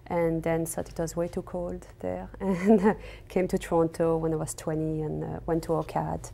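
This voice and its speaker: Speaking at a moderate pace in a low, warm voice with vocal fry and little pitch movement, a woman with a French accent gives a casual interview in her studio. Raised in Senegal and Cameroon, this textile artist answers hesitantly and uses lots of fillers.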